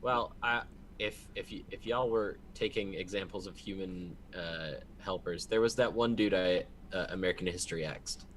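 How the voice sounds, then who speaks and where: Lowish bright-voiced guy playing dnd, very lively, faint noise behind. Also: moderate pace. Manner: animated, swearing at dice rolls. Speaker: player. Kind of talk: casual tabletop game play.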